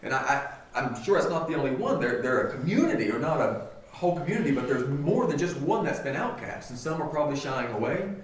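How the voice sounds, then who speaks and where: Man, pastor, earnest sermon, lively rise and fall, distant mic in echoey church. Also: fairly high pitch, fast talker. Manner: earnest, conversational preaching with rhetorical questions. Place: church sanctuary.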